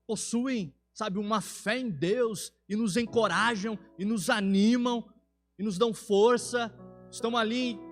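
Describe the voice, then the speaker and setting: A man with a fairly high voice and a Brazilian Portuguese accent delivers an earnest sermon in a church. He builds toward emphatic, louder peaks. Soft instrumental music plays faintly behind him. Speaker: preacher.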